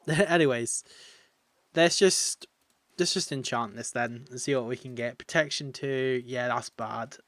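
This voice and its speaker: A man's voice: medium pitch, fairly bright tone, dry recording. Chatty man streaming a game. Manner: chatty and rambling, laughs at his own jokes. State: tired. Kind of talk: casual live-stream commentary.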